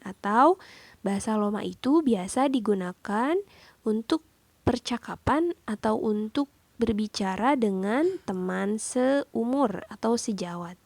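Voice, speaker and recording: Slow, deliberate woman teacher. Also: on the high side, a little mellow, dry recording. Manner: explains each point then repeats it in a second language. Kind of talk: classroom lesson explanation.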